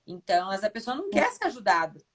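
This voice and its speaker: Mulher reflexiva de voz média. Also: female voice, medium pitch, very animated, fast talker. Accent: Brazilian Portuguese. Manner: reflective, guides the topics. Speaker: mentor and co-host. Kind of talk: live-stream talk.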